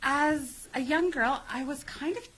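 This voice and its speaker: A woman's voice: high-pitched, unhurried, fairly bright tone, low-quality recording. A woman who works as a substitute teacher, chatting casually on a video call with a jokey, giggly, self-mocking manner. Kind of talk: casual chat.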